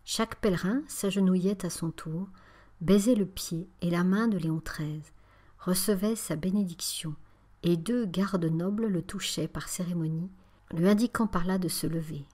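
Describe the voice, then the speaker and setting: A woman narrating a spiritual memoir as an audiobook, in a calm, measured and often breathy reading. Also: fairly low pitch.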